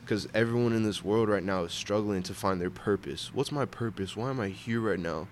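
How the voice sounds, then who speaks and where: A man's voice: lowish voice, fairly quick. A young man talking casually and earnestly about faith, with slangy, bro-heavy phrasing. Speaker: barber sharing his faith. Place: outdoors at a park bench. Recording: outdoor urban vehicle noise.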